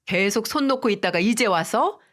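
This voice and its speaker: A woman's voice: medium pitch, animated, normal speed, fairly bright tone, close to an everyday voice. A woman voicing a stern older mother-in-law who firmly scolds her daughter-in-law in a read-aloud family drama story. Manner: scolding, firm.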